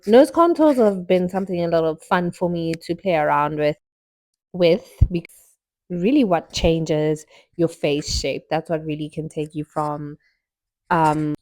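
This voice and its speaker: A woman's voice: lowish voice, darkish tone, dry recording. A young woman chatting casually through a makeup tutorial at home, friendly and full of fillers. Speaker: beauty vlogger. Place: home, indoors.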